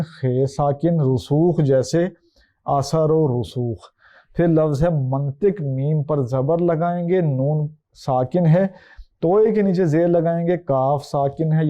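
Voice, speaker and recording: Slow dark-voiced man teaching. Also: fairly high pitch. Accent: Pakistani Urdu. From Pakistan. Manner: slow, spells out each letter and its vowel mark. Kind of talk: recorded exam-prep lesson. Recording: dull lo-fi recording.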